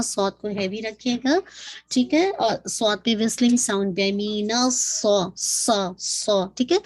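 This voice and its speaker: A woman with a Pakistani accent teaching an online Quran recitation class, patiently explaining and drawing words out slowly, syllable by syllable. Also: mid-range voice, a little mellow.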